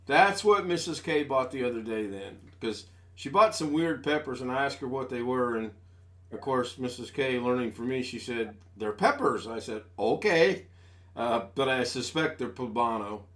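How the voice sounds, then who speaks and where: A sixty-something American hosts a laid-back home live stream on a desk USB mic, wandering through folksy, self-deprecating chatter. He has a mid-range, slightly bright voice with lively intonation and normal speed.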